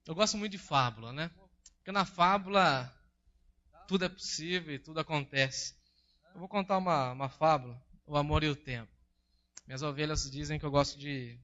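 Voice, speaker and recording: Brazilian male pastor, higher voice, lively fable-telling sermon, muffled lo-fi church tape. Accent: Brazilian Portuguese. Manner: storytelling, acts out the characters' lines. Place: church service.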